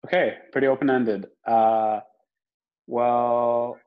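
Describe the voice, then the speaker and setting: A young adult man from Romania, a podcast guest telling his story in a relaxed, casual way with lots of fillers and the odd swear word. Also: mid-range voice, slow, clean tone. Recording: dull lo-fi sound.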